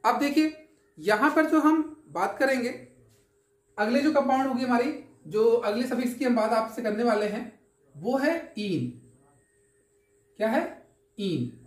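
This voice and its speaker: Her voice fairly high and expressive, this chemistry teacher lectures her class at a measured pace, leaving long pauses. She goes step by step with patience, raises questions only to answer them herself, and repeatedly makes sure everyone follows, all in an echoey room.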